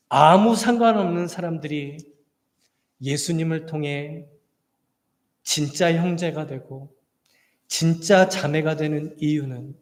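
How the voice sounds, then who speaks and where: A male pastor delivering an earnest sermon, telling a story from the pulpit microphone. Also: fairly high pitch. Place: church sanctuary. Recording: long church hall reverb.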